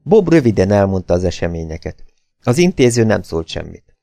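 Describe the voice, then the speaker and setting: A man narrates an audiobook with a low voice, reading in a measured, even way. The recording is close and dry, with no room sound. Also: creaky, dry recording.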